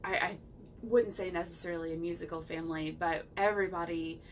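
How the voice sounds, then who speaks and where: A woman's voice: fairly low pitch, fairly even intonation, fairly quick. Midwestern-accented woman, distant and casual. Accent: Midwestern American. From West Virginia, US. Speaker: interview guest, solo musician. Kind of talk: casual conversational interview. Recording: distant mic, faint background noise.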